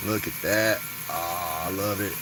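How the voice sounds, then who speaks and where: A man's voice: sits low, unhurried. A man with a Southern US Appalachian hillbilly accent chatting casually and folksily on a livestream while he works, sometimes getting tongue-tied. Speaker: woodturning livestreamer. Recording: noisy workshop, machine hum behind voice.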